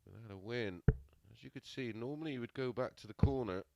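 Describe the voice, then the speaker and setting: A man's voice: medium pitch, brisk, vocal fry, darkish tone, dry recording. A man giving live sports commentary on a darts match.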